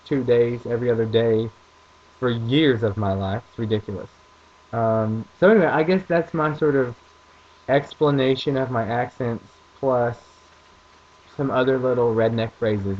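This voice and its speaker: A man's voice: medium pitch, steady tone, moderate pace, muffled recording, slight background noise. A young man with a rural American accent, telling rambling self-deprecating stories in a casual vlog. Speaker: vlogger.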